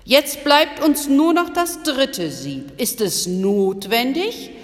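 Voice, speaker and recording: A woman reading the lines of a wise old Greek philosopher who asks calm, probing questions. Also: high voice, slow pace, in a large hall, pitched above the performer's own voice, exaggerated voice. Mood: calm questioning.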